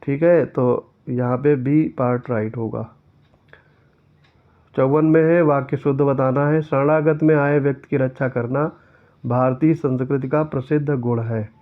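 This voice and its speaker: A man's voice: medium pitch, steady tone, unhurried. A man teaching an exam-prep lesson who reads each question aloud and then corrects it step by step. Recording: tinny phone-like sound.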